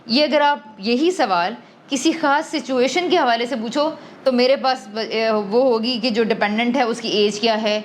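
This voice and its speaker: On a recording with slight background noise, a woman with a voice on the high side talks as a guest on an emotional wellbeing podcast. An adult parent, she explains reflectively and informally, using English terms and restarting sentences a lot.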